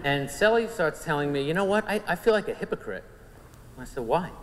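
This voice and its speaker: On the high side and fairly quick, with lively intonation, this Long Island-accented man in his forties gives an earnest personal faith testimony. He addresses a men's conference in a large church sanctuary, and the recording carries hall reverb and slight room noise.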